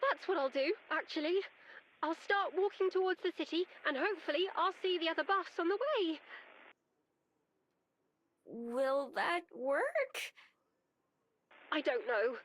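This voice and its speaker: A very high, anxious young woman. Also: expressive, a little slow, pauses often, fairly bright tone, heavily acted. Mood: worried. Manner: urgent, breathless pleading over a bad line. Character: anxious young woman stranded on a bus trip. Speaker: voiced character in a visual novel.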